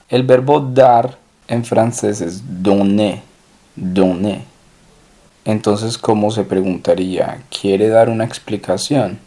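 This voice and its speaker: A man leads a recorded language lesson, asking questions and then repeating the answers with care. His delivery is very unhurried, with a mellow, dark tone and a voice sitting somewhat low. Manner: slow, deliberate drilling with repeated French phrases. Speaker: language teacher.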